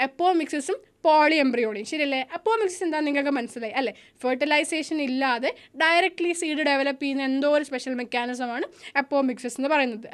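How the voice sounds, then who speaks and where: A woman runs an exam-prep biology lesson in a high voice and at a brisk clip. She fires a question at the class, then supplies the answer herself. She slows right down to read out English definitions. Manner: mixes English terms into speech, reads English definitions slowly. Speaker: biology teacher.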